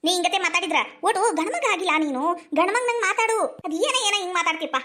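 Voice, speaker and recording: A woman doing a nagging village mom, north karnataka accent, super high and fast. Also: lively intonation, pushed and bright, full character voice. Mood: scolding. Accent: North Karnataka Kannada. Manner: bossy, nagging. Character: scheming, scolding middle-aged village mother. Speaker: comedy skit actor.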